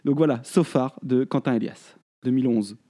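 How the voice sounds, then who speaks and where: Mellow-voiced man in casual chat. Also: medium pitch, moderate pace. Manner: hesitant, many restarts and fillers. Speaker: podcast co-host.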